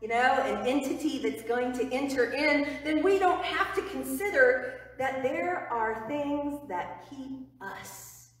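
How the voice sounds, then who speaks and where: Middle-aged lady pastor giving a sermon, slow and earnest, mic way off, big echoey church. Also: high voice. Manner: earnest, emphatic preaching, dropping to a hush on key phrases. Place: church sanctuary before the altar. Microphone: far camera. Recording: roomy church reverb, far from mic.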